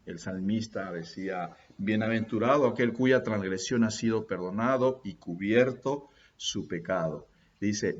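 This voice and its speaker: A man with a very low voice delivers a Sunday sermon in an earnest tone. He often tags his phrases with a rising "¿no?". The recording sounds a little muffled, with faint noise underneath. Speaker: preacher. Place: church.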